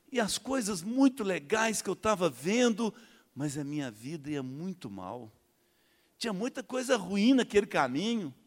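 A man with a Brazilian Portuguese accent gives his testimony to a church crowd. He talks at a slightly raised pitch and tells the story in an animated way, acting out each exchange. His voice carries a long hall reverb. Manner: animated storytelling, acts out dialogue. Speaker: testimony speaker.

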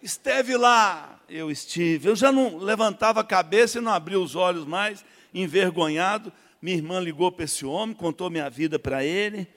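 A man's voice: high-pitched, fairly quick, hardly any pauses. Brazilian man telling his testimony, echoey. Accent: Brazilian Portuguese. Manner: animated storytelling, acts out dialogue. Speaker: testimony speaker. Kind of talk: church testimony. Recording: echoey hall reverb.

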